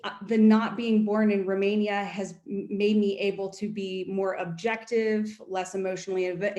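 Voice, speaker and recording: A woman's voice: medium pitch, a little mellow. Woman, American accent, history professor, earnest community speech, lots of ums and restarts, echoey room. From United States.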